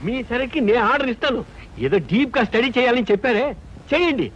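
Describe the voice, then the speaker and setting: An actor playing a curious, easily flattered male customer in a film comedy. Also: very high voice, a little fast, heavily acted. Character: gullible, pleased male customer. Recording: lo-fi film soundtrack with music.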